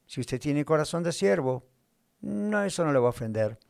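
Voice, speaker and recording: A man's voice: a little high, sing-song, normal speed, creaky, darkish tone, no room sound, clean studio sound. A man, a pastor, preaching a sermon and answering his own rhetorical questions.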